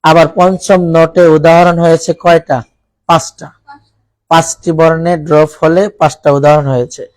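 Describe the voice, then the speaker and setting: A man teaching Quran recitation in a college classroom with a Bangladeshi accent, reciting Arabic examples slowly and quizzing his students. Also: on the high side, level tone, a little mellow, dry recording, rough recording. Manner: slow, drawn-out recitation of Arabic words as examples; asks the class questions and has them repeat.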